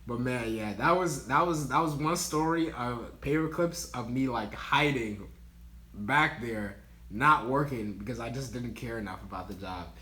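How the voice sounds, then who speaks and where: Bright-voiced young guy telling a story. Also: mid-range voice, unhurried. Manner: laid-back slangy talk, lots of "like" and "yo", laughing as he tells it. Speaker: vlogger telling a work story. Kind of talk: casual storytime monologue. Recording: roomy echo.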